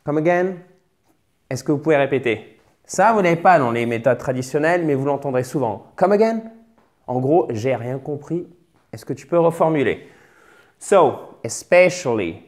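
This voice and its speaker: A man's voice: medium pitch, moderate pace, a little mellow. A native French-speaking man teaching English vocabulary, explaining patiently and repeating words to drill their stress. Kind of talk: bilingual vocabulary lesson.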